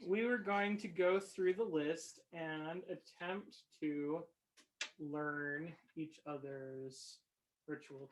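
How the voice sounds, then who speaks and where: Tabletop game master, slow narration, halting, lots of ums, chuckles. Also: medium pitch, rough recording.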